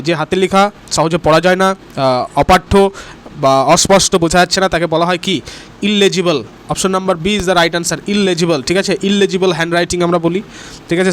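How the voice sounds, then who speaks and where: A man teaching an exam-prep lesson, explaining terms patiently and reading English questions out slowly. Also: high voice, fairly bright tone, a little hiss or hum. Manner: explains terms patiently, often checks in with 'right?'.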